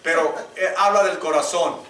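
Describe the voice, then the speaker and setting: Impassioned high-voiced preacher, echoey church. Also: male voice, steady tone, normal speed, slight background noise. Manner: impassioned preaching, swinging from loud to hushed. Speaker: pastor. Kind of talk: sermon. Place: church sanctuary. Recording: echoey church room, mic at a distance.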